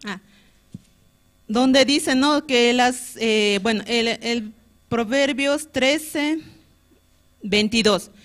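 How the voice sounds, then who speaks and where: A woman from Bolivia giving a conversational testimony at a Sunday church service, with many little tag questions, pausing to search for Bible verses aloud. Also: a little high.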